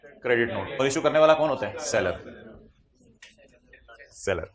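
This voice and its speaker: A man's voice: mid-range voice, lively intonation, a little slow, a crowd in the background. A man with a Pakistani Urdu accent giving a tax lecture to a class, teasing students, quizzing them and mixing English phrases into his Urdu.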